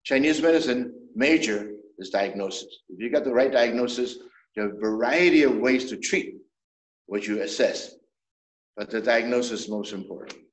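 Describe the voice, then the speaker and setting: With a medium-pitched voice, a seventy-something traditional medicine doctor answers as an interview guest. He explains carefully and keeps restarting sentences, all in a recording with a roomy echo.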